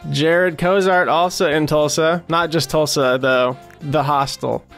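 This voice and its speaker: A man's voice: on the high side, fairly even intonation, unhurried, a bit bright, faint music behind. An American man hosting a panel discussion podcast. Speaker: podcast host.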